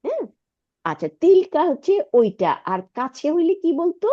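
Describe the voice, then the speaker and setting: Lively-voiced woman teaching Arabic online. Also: very high-pitched, moderate pace, highs cut off. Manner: patient, repeats and checks understanding. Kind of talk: online language lesson.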